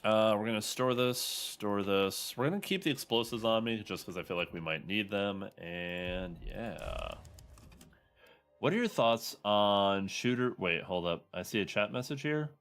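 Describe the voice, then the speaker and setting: Low-voiced man chatting through a game stream. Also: big pitch swings, measured pace, a bit bright, smooth. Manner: informal, chatty, thinking aloud. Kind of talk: casual livestream gameplay commentary, talking to chat.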